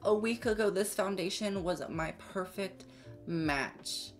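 A beauty vlogger in their twenties speaks slowly at medium pitch, chatting casually to camera about makeup with a sassy, slangy drag queen manner. It's filmed in a small indoor room, and background music plays underneath.

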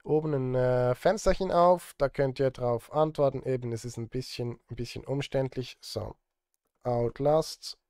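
Working at his streaming desk indoors, this thirty-something film composer from Switzerland rambles on his live stream and mutters jokes at his own expense. He has a mid-range, darkish, clean voice with fairly even intonation and a measured pace. The recording is studio-clean with no echo.

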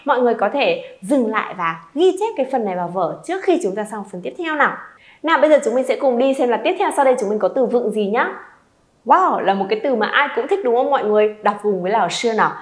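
Woman, thirties, language teacher, fairly high voice, lively and coaxing. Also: quick pace. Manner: lively, coaxing students to repeat aloud. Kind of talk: beginner language lesson.

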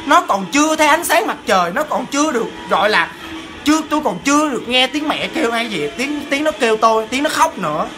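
A woman's voice: very animated, quick pace, over music. A woman voicing a bereaved young mother crying out in anguish. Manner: loud, high, anguished.

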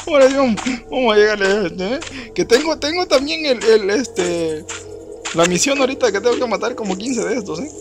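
Lively man playing a game. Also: very high-pitched, moderate pace, long pauses. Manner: jokey, talks to his character and shouts at the game. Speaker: gameplay commentator. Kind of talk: casual gameplay commentary. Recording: loud game music under the voice.

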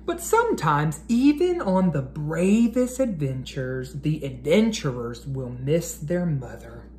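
An American educator with a high, very animated, darkish voice reads aloud to children in a deliberate, carefully enunciated style. He tells the story expressively from a living room at home, where the recording has a roomy echo and clear background noise.

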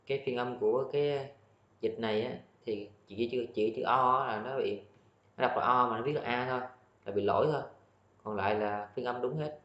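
A man leads a pronunciation lesson at a mid pitch, repeating each word and explaining its sounds patiently. His voice carries a roomy echo. The recording sounds dull and lo-fi. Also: fairly quick, fairly bright tone. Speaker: English teacher. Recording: echoey, dull lo-fi room sound.

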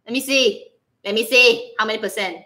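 A slightly high, fairly quick female voice with a Singaporean accent leads casual livestream chatter from an indoor living room. The host rambles playfully and animatedly, responding out loud to what her viewers comment.

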